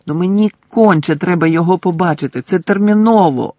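A man with a husky, gravelly voice reading a story aloud and playing an impatient, frustrated young teenage boy wizard in an agitated, exasperated way. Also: mid-range voice, animated, slow pace, no room sound, heavily acted. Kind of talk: audiobook character voice.

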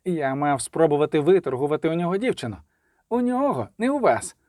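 A man voicing a panicked captive male sorcerer spy who pleads in shrill, rushed bursts. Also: expressive, a little mellow, dry recording, studio quality, close to an everyday voice. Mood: pleading.

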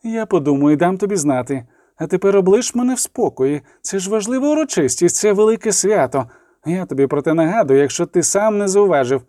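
A proud sorceress hisses her scolding in a raised, lively voice, as a male audiobook reader puts her on. She is haughty and sharp-tongued, and her words come out dry and close. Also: high-pitched, fairly quick, dry recording, voice pushed up. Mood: dismissive. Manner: hissing, scolding.

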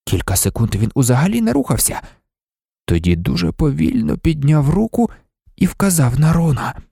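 A male narrator reading a novel aloud with an expressive, animated delivery. His pitch swings widely from line to line. The recording is dry and close. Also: moderate pace, vocal fry, slightly rough, dry recording. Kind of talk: audiobook narration.

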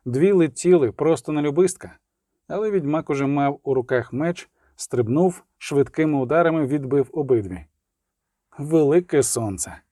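Male audiobook narrator, mellow dark tone, dry close mic. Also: on the high side, moderate pace, no echo. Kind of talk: scripted narration.

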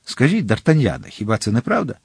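A man's voice: mid-range voice, very animated, fast, creaky, a little mellow, breathy edge, no room sound, studio quality, exaggerated voice. A man voicing a courteous, subtly vain young man who argues his theology politely in an audiobook. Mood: polite earnest. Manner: courteous with a hint of irritation.

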